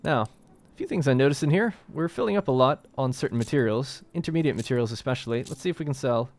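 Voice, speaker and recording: A man's voice: mid-range voice, expressive, quick pace, a little mellow. A man hosting a let's play, talking casually and thinking aloud as he plays a strategy game. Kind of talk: gameplay commentary.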